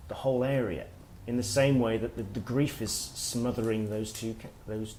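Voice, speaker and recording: A middle-aged man speaks at a writers' workshop in a somewhat low voice. His delivery is reflective and halting, with pauses and restarts as he works out his thoughts aloud. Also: steady tone, a little mellow, slight background noise. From Wales. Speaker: author and guest speaker. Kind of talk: workshop talk. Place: workshop room with listeners.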